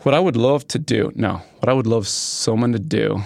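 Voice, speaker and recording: A man in casual podcast banter, pitching an idea in an emphatic, mildly exasperated way. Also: moderate pace, vocal fry, darkish tone, dry recording.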